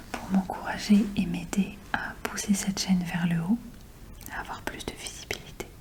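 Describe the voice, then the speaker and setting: A woman whispers right up by the listener's ear in a breathy, unvoiced voice. She talks in an informal, chatty ASMR show-and-tell style, keeping everything soft and intimate. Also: on the low side, steady tone, normal speed. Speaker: ASMR video creator.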